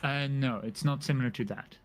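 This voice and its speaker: A man acting as game master in a tabletop role-playing game, speaking hesitantly with many pauses and restarts while voicing a shopkeeper. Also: medium pitch, rough recording. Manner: hesitant, lots of ums and restarts.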